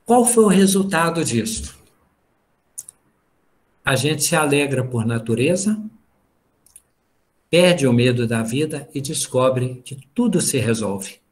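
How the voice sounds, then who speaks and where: A man's voice: mid-range voice, lively intonation, takes it slowly, pauses often. A middle-aged man giving an informal spiritual talk over a video call, telling family stories and acting out the dialogue. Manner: storytelling, acts out family dialogue. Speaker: lecturer at a spiritist study group.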